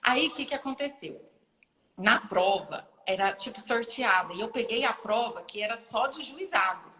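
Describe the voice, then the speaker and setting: A woman lawyer shares a story casually on a live video chat, sounding bright and sharp. She acts out the voices of the people in her story with leaps in pitch. Her voice carries a roomy echo with a long reverb tail. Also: normal speed. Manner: animated, acts out other people's lines with big pitch leaps. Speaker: lawyer and university lecturer, guest. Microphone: phone or laptop live stream. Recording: echoey room with long reverb.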